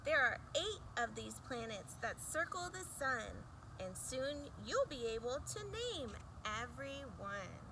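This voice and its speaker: A woman reading a rhyming picture book aloud for children in a sing-song, emphatic way with deliberate pauses. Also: high voice, sing-song, gravelly, background noise.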